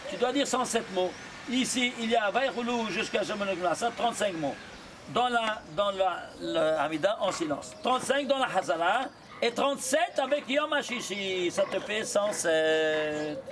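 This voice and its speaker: A rabbi teaches a lively Torah lesson, quizzing his students with quick rhetorical questions and mixing in Hebrew terms. His voice sits high, and the background is noisy.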